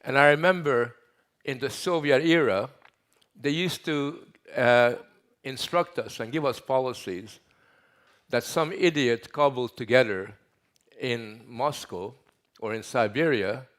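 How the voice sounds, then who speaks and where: An older man from Hungary speaking at a conference lectern on a headset mic, emphatic, building lists with pauses. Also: medium pitch, fairly bright tone. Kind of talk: welcome speech at a conference.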